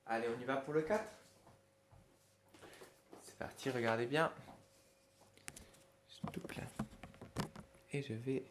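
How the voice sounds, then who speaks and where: A man's voice: mid-range voice, moderate pace, pauses often. A man teaching a school dictation lesson, patiently spelling words letter by letter and humming to stand in for the hidden words. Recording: echoey room, faint noise.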